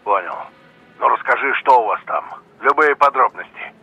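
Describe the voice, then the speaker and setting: A man's voice: mid-range voice, lively intonation, normal speed, creaky, pushed and bright, breathy edge, lo-fi sound, heavily acted. A man playing a commanding, controlled sheriff negotiating in a dubbed game drama. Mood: calming, firm.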